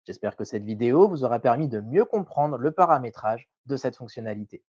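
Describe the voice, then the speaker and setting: A man presenting a scripted tutorial voice-over in a measured, didactic way, carefully enunciated. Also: mid-range voice, lively intonation, darkish tone, dry recording, lo-fi sound.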